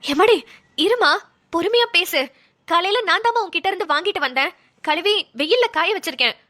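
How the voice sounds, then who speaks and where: A woman plays a patient, soothing older mother-in-law in a cartoon, full of fond endearments. The voice is very high and bright, recorded dry and close. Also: brisk, no room sound, heavily acted. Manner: gentle, calming, endearing terms. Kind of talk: cartoon voice acting.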